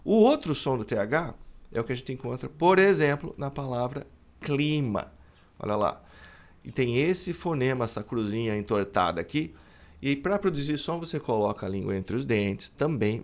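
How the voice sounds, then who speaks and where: A man's voice: medium pitch, animated. Brazilian male English teacher, mid-range voice, patient explainer for an online lesson who keeps checking that the viewer follows. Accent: Brazilian Portuguese. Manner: explanatory, often checks understanding with a quick "right?".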